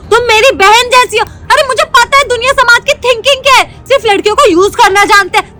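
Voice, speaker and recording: A woman's voice: very high-pitched, pushed and bright, heavily acted. A woman playing a stern scolding sister-in-law. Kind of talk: web sketch acting.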